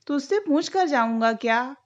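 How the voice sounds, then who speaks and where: A woman voicing a harsh, short-tempered drunken father in a storybook tale, barking gruff orders. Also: sits high, expressive, normal speed, lo-fi sound. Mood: scolding. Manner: gruff scolding commands.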